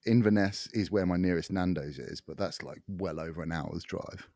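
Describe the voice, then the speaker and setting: A man's voice: low voice, moderate pace, mellow, no room sound, clean studio sound. A man with a casual, joking manner who swears freely and laughs at his own stories, co-hosting a podcast. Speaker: podcast co-host. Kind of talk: casual chat. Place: home in the far north of Scotland.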